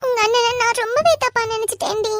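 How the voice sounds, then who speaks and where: A woman voicing a very high, gentle young wife with a Kanyakumari Tamil accent. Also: fast talker, noisy background. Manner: soft, caring, reassuring.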